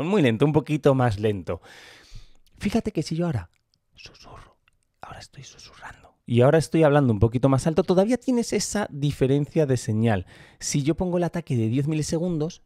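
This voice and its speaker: A man's voice: mid-range voice, dark tone, no echo. A middle-aged man, explaining audio gear in a chatty way and often asking the listener to notice things, recorded on a close studio mic. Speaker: audio gear tutorial host. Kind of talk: explaining and demonstrating equipment. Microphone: close studio microphone.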